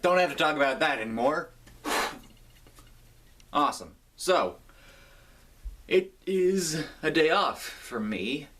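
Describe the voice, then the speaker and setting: A man's voice: medium pitch, a bit bright. A young man from the United States talking casually to camera in a rambling, sarcastic way, swearing freely. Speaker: vlogger. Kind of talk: casual vlog talk to camera.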